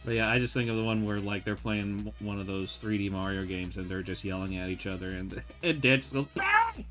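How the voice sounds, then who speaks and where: A man's voice: on the low side, fairly even intonation, brisk, hardly any pauses, a bit bright, faint music behind. A man hosting an art stream, chatting casually while he draws, laid-back, laughing often and swearing freely.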